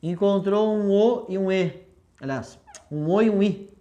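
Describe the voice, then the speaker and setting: A woman's voice: mid-range voice, a little slow, dark tone, muffled recording. Patient woman teacher. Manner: patient, explains step by step with rhetorical questions; affectionate toward students. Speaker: language teacher. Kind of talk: recorded video lesson at a whiteboard.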